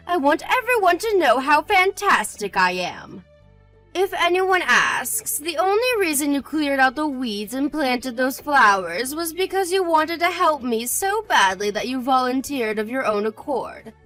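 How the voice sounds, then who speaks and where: Audio drama: woman to play cruel, haughty older mother-in-law, hurt and angry, high and very animated delivery. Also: unhurried, soft background music, exaggerated voice, low-quality recording. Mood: hurt, demanding. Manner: indignant, hurt and angry, scolding. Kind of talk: scripted audio drama acting.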